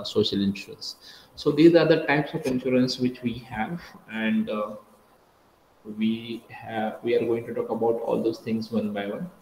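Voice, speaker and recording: A man's voice: medium pitch, darkish tone, slight background noise. Man lecturing on a screen-recorded online class. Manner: methodical, repeats and corrects himself. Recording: dull, echoey screen-recorded call audio.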